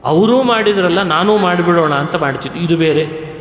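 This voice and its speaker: A man giving a devotional sermon, speaking in a slow, measured way and now and then chanting verses. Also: high voice, a bit bright. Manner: slow and measured, breaks into sung Sanskrit verses. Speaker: religious discourse speaker. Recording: echoey hall with faint ambience.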